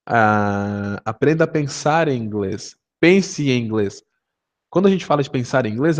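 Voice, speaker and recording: A man's voice: on the high side, darkish tone. A man teaching English online in a casual, conversational way, full of fillers and rhetorical questions. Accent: Brazilian Portuguese. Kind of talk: online video lesson.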